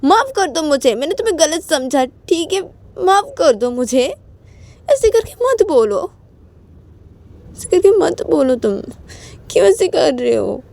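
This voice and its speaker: A woman's voice: moderate pace, vocal fry, pauses often, warm tone, slightly rough. A woman voicing a tearful young wife in a storybook romance, pleading in a raised voice. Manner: pleading, high-pitched apologies.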